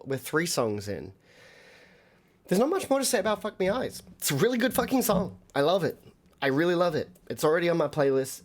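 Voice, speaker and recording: Rambling Australian man chatting on stream. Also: mid-range voice. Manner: rambling, filler-heavy, chats to viewers. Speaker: musician and streamer. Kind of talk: live-stream album reaction chat.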